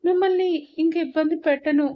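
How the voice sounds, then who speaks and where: A woman's voice: extremely high pitch, fairly even intonation, a little fast, lo-fi sound, voice pushed up. A woman voicing a young female student wife who is crying and apologizing through sobs. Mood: tearful. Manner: sobbing, pleading, apologetic.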